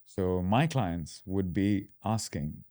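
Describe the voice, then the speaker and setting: A man in his thirties from Dubai guests on a podcast in a casual interview, explaining things slowly and in a relaxed way, with fillers and restarts. His very low voice is warm and mellow, and the room is dry with no echo.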